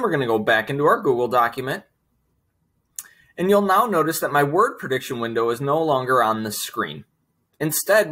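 A man's voice: mid-range voice, bright, forceful tone. A man in his thirties narrating an instructional screencast, explaining step by step in an upbeat way. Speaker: software trainer presenting a tutorial.

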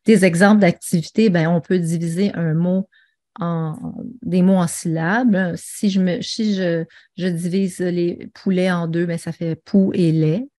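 A woman's voice: fairly low pitch, fairly even intonation, a little slow, darkish tone. A woman presenting an online teaching webinar, chatty and full of fillers and restarts. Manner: conversational, with many fillers and restarts.

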